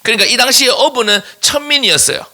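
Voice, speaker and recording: A man with a Daegu accent preaching a sermon to teenagers as a youth pastor, animated and teasing, and pausing to tell them what to write down. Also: extremely high pitch. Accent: Daegu Korean. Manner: animated and teasing, jokes with the young listeners; gives note-taking instructions in a classroom way.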